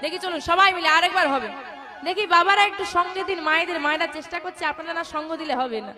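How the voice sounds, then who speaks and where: A woman's voice: very high-pitched, very fast. A woman leading a devotional kirtan, teasing and coaxing the crowd to chant. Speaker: kirtan singer. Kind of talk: devotional kirtan with audience banter. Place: live stage before a crowd. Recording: live music and crowd noise.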